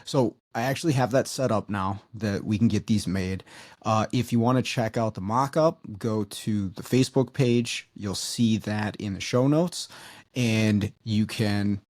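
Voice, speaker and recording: A man hosting a podcast, reading sponsor spots and chatting with a guest in a relaxed, conversational way. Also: on the low side, unhurried, no room sound, clean studio sound. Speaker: podcast host. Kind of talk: casual podcast interview.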